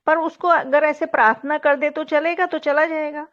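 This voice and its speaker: A woman's voice: sits high, fairly even intonation, moderate pace, a bit bright, dull audio. A woman asking a spiritual teacher questions in a live session, searching for words and often starting over. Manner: hesitant, searching for words, many restarts.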